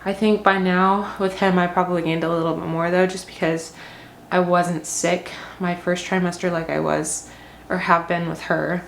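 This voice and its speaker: Young woman vlogger, low-pitched, rambling chatty delivery with fillers, slightly breathless, echoey home room with faint ambience. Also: level tone, normal speed, gravelly, slight background noise. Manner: chatty, rambling, many ums and likes. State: short of breath. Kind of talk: casual pregnancy update.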